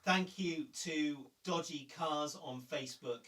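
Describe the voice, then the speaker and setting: A man's voice: on the high side, a little slow, fairly bright tone, recorded from a distance. A man hosting a casual studio chat show, hesitant and full of fillers, joking at his own expense and saying he is losing his voice. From England. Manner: hesitant, filler-heavy, self-deprecating. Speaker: host.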